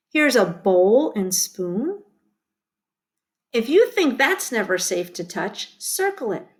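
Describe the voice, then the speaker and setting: A woman teacher reads a children's magazine aloud to young learners. Her voice sits a little high and swings widely in pitch as she pauses for questions and imitates sirens and barking. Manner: animated, makes sound effects for young children.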